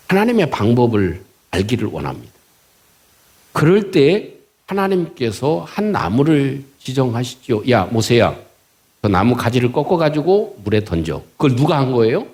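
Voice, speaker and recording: A male pastor delivers a sermon with a fairly high voice. He is highly animated, swinging up and down as he asks questions. He leads his listeners through a reading aloud.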